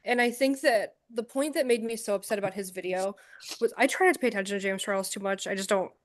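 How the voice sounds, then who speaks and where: A woman co-hosting a podcast in casual chat, sounding exasperated and critical. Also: medium pitch. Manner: exasperated, critical, mimics in quick asides. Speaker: podcast co-host.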